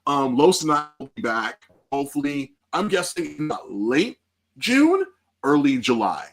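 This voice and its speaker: A man hosting a casual music podcast, talking in a loose, profane and animated way into a podcast mic. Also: medium pitch, normal speed. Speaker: podcast host.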